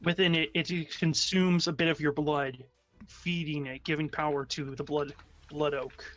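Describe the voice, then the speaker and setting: Halting, higher-pitched male game master. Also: fairly even intonation, a bit bright, no echo. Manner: halting, self-correcting delivery. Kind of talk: narrating a tabletop game.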